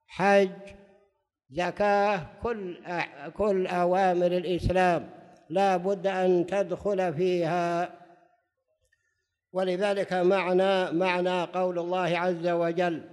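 High-voiced preacher in a reverberant hall. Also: male voice. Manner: slows to recite scripture, asks and answers his own questions. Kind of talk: religious lesson.

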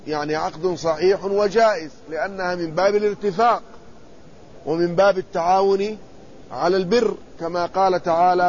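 An Islamic scholar with a high-pitched, darkish voice teaches hadith, reading lines from a classical commentary and explaining each in plain language. He frequently stops to pose a question and then answers it himself. The recording is slightly dull, with faint hiss underneath.

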